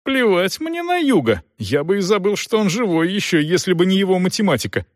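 A man reading an audiobook, voicing an excitable young man who protests hotly and is proud of his mustache. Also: mid-range voice, moderate pace, no room sound, studio quality, close to an everyday voice. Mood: indignant.

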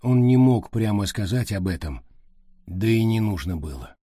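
Dark, husky male narrator. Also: lowish voice, expressive, normal speed, no room sound, studio quality. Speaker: audiobook narrator. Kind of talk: scripted narration.

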